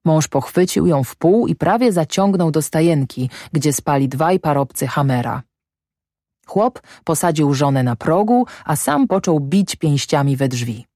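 A man narrating a classic novel as an audiobook in a measured, even storytelling manner. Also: fairly high pitch, no echo, studio quality. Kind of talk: scripted literary narration.

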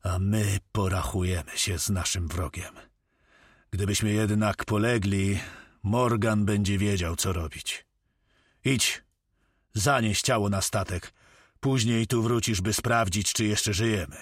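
A man's voice: fairly low pitch, steady tone, unhurried, husky, no room sound, studio quality. A man voicing a grim pirate captain who gives firm commands. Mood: commanding.

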